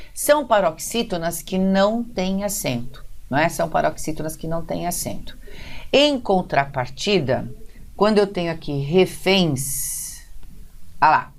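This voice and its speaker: A woman with a Brazilian Portuguese accent teaching an online grammar lesson, explaining step by step and often checking in with her students. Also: deep voice.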